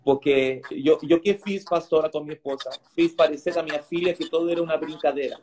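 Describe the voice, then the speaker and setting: Male pastor guest, high voice, emotional halting testimony. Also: steady tone, darkish tone. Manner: halting, repeats words for emphasis.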